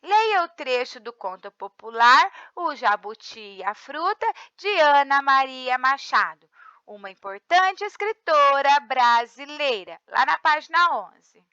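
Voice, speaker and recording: A Brazilian teacher with a high, bright voice reads a lesson aloud, pausing often to check that her students follow. The sound is dry and a little dull, like a modest home recording. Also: expressive, dry recording. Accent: Brazilian Portuguese. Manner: reads textbook aloud, checks in with frequent tag questions. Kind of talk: recorded remote class lesson.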